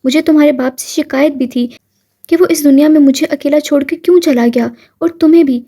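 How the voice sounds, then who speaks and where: A woman's voice: high-pitched, steady tone. Woman reading as a patient grieving mother. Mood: consoling. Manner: gentle, consoling.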